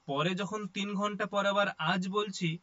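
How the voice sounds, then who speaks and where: A man's voice: sits high, fairly even intonation, unhurried, sharp tone, dull audio. A man teaching a class, explaining step by step and often checking that listeners follow. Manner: explains step by step, often asks "ঠিক আছে?". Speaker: Sanskrit teacher. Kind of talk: explanatory lecture.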